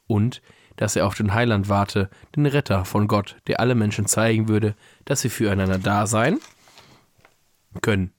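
A man's voice: on the low side, normal speed. A young man co-hosting a casual podcast with dry, teasing humor and reading a holiday story aloud. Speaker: podcast co-host and story reader.

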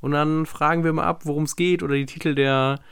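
A man's voice: fairly high pitch, steady tone, fast, fairly bright tone, clean tone, no echo, clean studio sound. A man chatting casually as a podcast co-host, easygoing and joking. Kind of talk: casual chat.

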